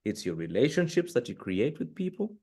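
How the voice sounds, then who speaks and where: An executive from northern Uganda appears as a guest on an interview podcast, seated in a room with books behind him. He speaks earnestly and emphatically about purpose in a reflective conversation, using frequent fillers. His medium-pitched voice is warm, husky, and creaky, very animated and a little fast.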